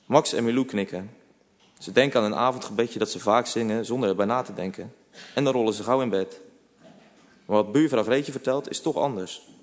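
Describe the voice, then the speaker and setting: A man reads a children's story calmly and gently at a middle pitch. His voice carries a long, echoing reverb. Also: a little fast. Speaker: narrator.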